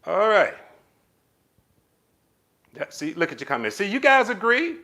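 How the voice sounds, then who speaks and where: A man with a high-pitched, slightly slow voice hosts a casual livestream, reading out viewer comments and offering relationship advice. He's animated and keeps calling his viewers pet names like "baby."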